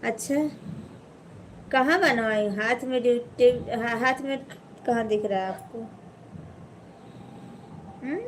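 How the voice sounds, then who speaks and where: A woman hosting a casual live stream, chatting slowly with viewers and greeting them by name, with an Awadhi-tinged Hindi accent. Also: a little high, noisy background. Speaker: livestream host.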